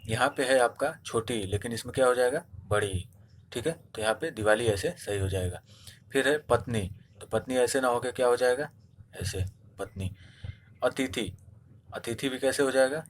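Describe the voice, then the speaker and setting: A man's voice: medium pitch, moderate pace, a little hiss or hum. Man teaching a spelling lesson. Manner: explains step by step, asks and answers own questions; repeats "theek hai" often. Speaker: Hindi teacher. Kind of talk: online exam-prep lesson.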